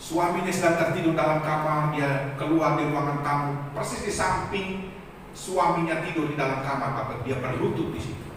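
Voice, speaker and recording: A man's voice: a little high, normal speed, a bit bright, a little hiss or hum. A man preaching a fervent sermon as pastor, often addressing the congregation directly. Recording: echoey hall, from far off.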